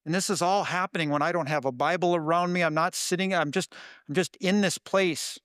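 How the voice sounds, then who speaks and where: A man preaching a sermon in an earnest, conversational way, his voice sometimes jumping up with excitement. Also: on the high side, fairly quick, dry recording, studio quality. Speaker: pastor.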